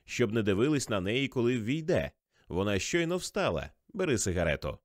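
A man's voice: medium pitch, big pitch swings, normal speed, no echo, clean studio sound, close to an everyday voice. A man reading aloud and voicing a jovial, slightly tipsy middle-aged male teacher who jokes a lot. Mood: hearty, joking. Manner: joking, expansive.

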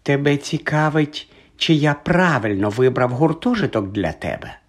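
Man performing a knowing old magic hat, hushed, husky, unhurried, storybook. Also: medium pitch, animated, natural voice. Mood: shrewd. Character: old magical talking hat, shrewd and calm. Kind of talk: audiobook character voice.

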